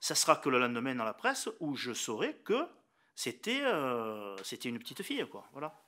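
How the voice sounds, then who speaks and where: Male eyewitness, bright lively voice, stumbles and repeats as he recalls. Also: mid-range voice. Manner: halting, stammers and repeats words. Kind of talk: documentary interview.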